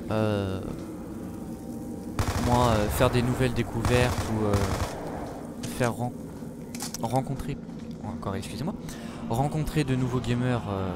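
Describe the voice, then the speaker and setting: A French man in his late teens talks hesitantly on his gaming channel in a medium-pitched voice, full of fillers, restarts and self-corrections. Loud gunfire and zombie shooter sounds make the recording very noisy.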